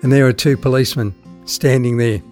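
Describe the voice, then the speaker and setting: Older aussie guy rambling through stories, lots of ums and little laughs, outdoors, soft guitar behind. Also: mid-range voice, steady tone, brisk. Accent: Australian. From born in the Netherlands, raised in Australia. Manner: chatty, hesitant with many ums, laughs at his own stories. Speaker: climate activist, interviewee. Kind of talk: casual storytelling. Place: outdoors on a street corner.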